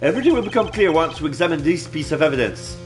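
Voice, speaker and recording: A man's voice: on the high side, big pitch swings, very fast, soft background music. A man playing a video game, reading its dialogue aloud and commenting as he goes.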